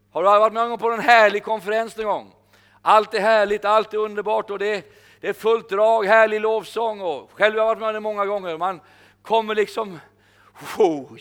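An older man preaching a sermon, emphatic, slowing down to repeat his key phrases. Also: sits high, fairly bright tone.

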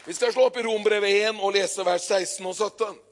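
An older man preaching a sermon in a church, telling stories in a lively way, with casual hesitations between bursts of loud emphasis. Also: sits high, a faint crowd. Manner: lively storytelling preacher, builds to loud exclamations; conversational with frequent hesitations. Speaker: pastor.

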